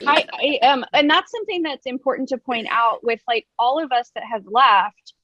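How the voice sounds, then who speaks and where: A woman's voice: sits high, normal speed, a bit bright. A woman guest in a candid podcast conversation, telling stories bluntly and acting out the voices of other people. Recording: dull, dry lo-fi audio.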